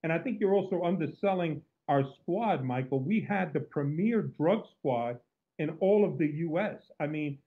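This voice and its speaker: With lively intonation, a moderate pace and a voice on the high side, a Cuban-accented man from Cuba shares stories as an interview guest. The former undercover agent is outgoing and restarts often, and the line sounds tinny and phone-like.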